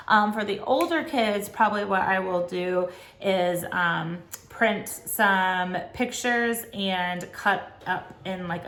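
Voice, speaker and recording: A woman's voice: on the low side, a bit bright. Chatty woman tutor in an echoey room. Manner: chatty and rambling, many ums and self-corrections. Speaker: homeschool co-op tutor. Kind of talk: casual teaching tips video. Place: at home, child nearby.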